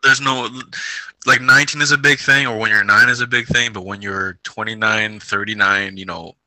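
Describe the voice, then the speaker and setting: A man's voice: on the low side, fairly even intonation, moderate pace, pushed and bright, no room sound, low-quality recording. A man in his twenties co-hosting a podcast, chatting loosely and laughing often. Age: 20s. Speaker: podcast co-host. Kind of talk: casual chat.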